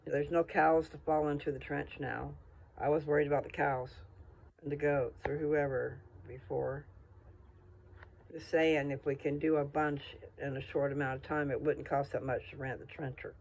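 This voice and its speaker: Gravelly man, casual and folksy. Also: on the high side, flat delivery, moderate pace, poor audio. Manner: folksy, informal, thinking aloud with trailing asides. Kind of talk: casual rambling monologue addressed to someone.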